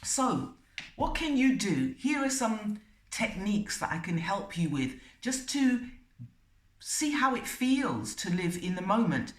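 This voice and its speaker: A woman hosting a self-help video, giving a motivational talk with stories, unhurried and pausing between short phrases. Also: mid-range voice, big pitch swings. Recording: roomy and distant from the mic.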